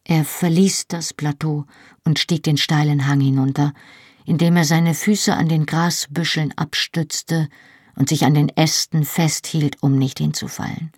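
A woman reading a novel aloud in the first person, measured and expressive. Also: low-pitched, breathy edge, no room sound, clean studio sound. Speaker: audiobook narrator.

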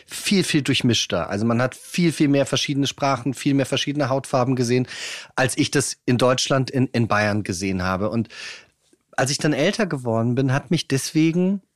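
A man from Franconia conducts a political interview, asking long, winding questions and repeating words as he goes. His voice sits at a mid pitch and sounds dry and close, with no room around it. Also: animated, normal speed, dry recording. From Franconia, Bavaria.

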